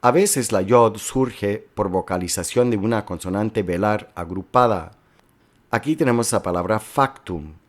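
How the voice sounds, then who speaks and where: A man with a fairly low voice delivers a recorded lecture. He explains in a measured, careful way, walking through one example after another like a patient teacher. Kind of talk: recorded lecture on historical linguistics.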